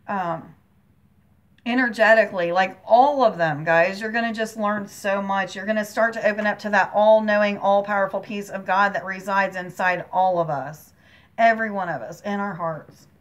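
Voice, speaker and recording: Woman, mid-pitched voice, earnest and emotional, rambling spiritual talk to viewers. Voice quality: emotional, near tears at times, earnest. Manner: rambling, repeats words, addresses viewers as guys. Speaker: spiritual channel host.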